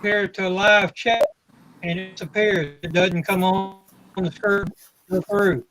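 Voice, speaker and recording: A man in a casual video call chat, talking haltingly and repeating himself while his audio breaks up on a bad connection. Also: high-pitched, fairly even intonation, fairly bright tone, slight background noise, poor audio. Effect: choppy audio from a bad connection, cutting in and out. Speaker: hangout participant. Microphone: computer or phone on a video call.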